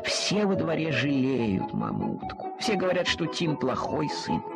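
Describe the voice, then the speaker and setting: A narrator telling a children's storybook, lively and speaking to the listeners directly. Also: medium pitch, a little slow, vocal fry, loud music behind the voice.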